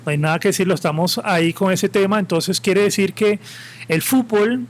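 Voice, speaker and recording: Impassioned high-voiced Colombian coastal man. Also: moderate pace. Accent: Colombian Caribbean coast. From Colombia, Caribbean coast (Santa Marta). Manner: impassioned, opinionated, rambling with restarts. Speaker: podcast guest. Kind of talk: live podcast discussion. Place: live podcast event with audience.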